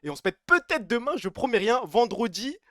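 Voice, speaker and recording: A man, chatting casually on a late-night stream, joking and reading chat aloud, swinging between loud and soft. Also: very high voice, big pitch swings, a little fast, dry recording, studio quality.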